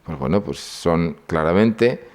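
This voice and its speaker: A man's voice: low voice, takes it slowly. A man from giving an informal lecture, telling anecdotes and acting out dialogue. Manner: animated storytelling, acts out dialogue.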